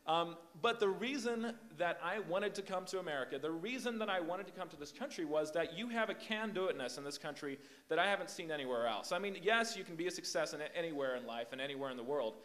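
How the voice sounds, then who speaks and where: A young man preaching to a youth group in a fairly high, lively voice. He grew up in Hong Kong and the Philippines. He talks in an animated, emphatic way and keeps repeating words as he builds each point. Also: quick pace, hardly any pauses. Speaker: invited youth speaker. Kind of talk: youth sermon.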